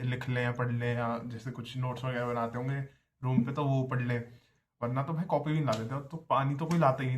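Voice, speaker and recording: A man's voice: mid-range voice, a little hiss or hum. Young college guy rambling a class story, chatty, calls everyone bro. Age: young adult. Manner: chatty, keeps addressing viewers as brother. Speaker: college student vlogger. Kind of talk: casual storytelling vlog.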